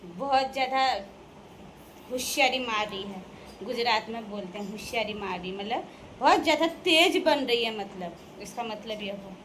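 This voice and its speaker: A woman's voice: a little high, normal speed, fairly bright tone, a little hiss or hum. A young woman from the Uttarakhand hills, chatting casually and teasing in a playful vlog, laughing often. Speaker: vlogger addressing viewers.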